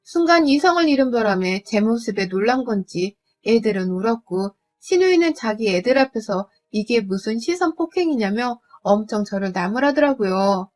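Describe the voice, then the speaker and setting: A woman's voice: fairly high pitch, expressive, normal speed, few pauses, darkish tone. A woman narrating a first-person story, retelling events in an exasperated, indignant way.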